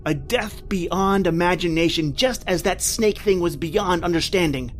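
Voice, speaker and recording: In the intense style of old-time radio horror, an actor with a high-pitched voice plays a terrified, desperate man recounting his escape from a monster. His haunted, anguished delivery is breathless, with drawn-out, repeating dramatic phrases, and music plays behind him.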